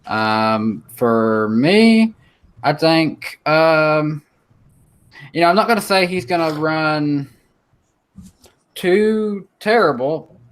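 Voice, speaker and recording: A man with a Southern US accent, hosting a casual podcast. He moves steadily through the segments. His pitch sits in the middle. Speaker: podcast host. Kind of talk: casual chat.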